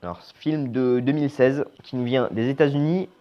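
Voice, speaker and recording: A man giving a casual, opinionated horror film review. He is blunt and slangy, and his voice trails off quietly at the ends of phrases. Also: mid-range voice, a little fast. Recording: slightly dull lo-fi sound with faint music.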